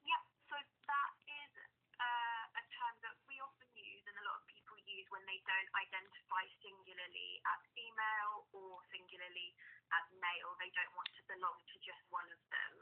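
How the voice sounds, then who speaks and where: A woman support worker on a phone call, explaining things gently and carefully, heard over a phone line. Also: mid-range voice, fairly even intonation, moderate pace.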